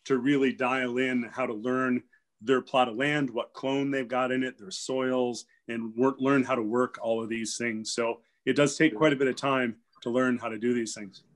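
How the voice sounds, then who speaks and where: A winery sales director in his forties talks casually over a video call on a webcam, explaining things with fillers from an indoor room at home with shelves. His medium-pitched voice has fairly even intonation and a moderate pace, with hardly any pauses.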